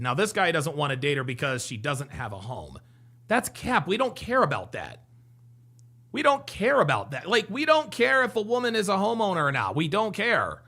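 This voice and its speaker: A gravelly, a little high male voice with a sharp tone comments live on a dating show clip. The streamer jokes and repeats himself while reading viewer comments out loud.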